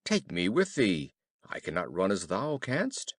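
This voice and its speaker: A man's voice: deep voice, huge pitch swings, no room sound, studio quality, pitched below the performer's own voice, exaggerated voice. A man voicing an insistent, pleading talking frog in a storybook, with formal, old-fashioned phrasing. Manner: archaic, formal, slow deliberate phrasing.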